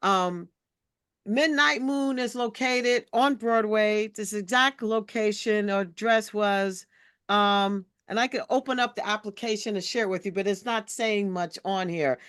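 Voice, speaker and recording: Smooth-voiced woman leading a meeting. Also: mid-range voice, a little slow, a bit bright, no room sound, clean studio sound. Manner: recaps matter-of-factly, loose and conversational. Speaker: committee meeting leader. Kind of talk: community board meeting discussion. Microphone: video call.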